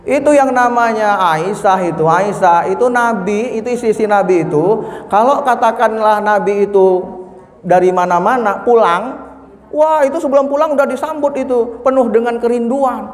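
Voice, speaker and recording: Male preacher with an edge, high and lively, acts out the voices he quotes; long hall reverb. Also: moderate pace. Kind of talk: sermon. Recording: echoey hall.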